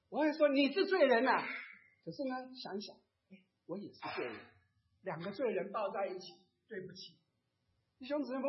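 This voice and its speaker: A man preaching to his congregation, gently telling a story and acting out the remarks of the people in it. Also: sits high. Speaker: pastor. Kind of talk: sermon sharing a testimony. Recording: dull lo-fi sound.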